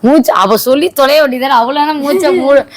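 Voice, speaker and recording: High-voiced woman, playfully exasperated. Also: brisk. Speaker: family vlogger. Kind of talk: casual family banter on camera.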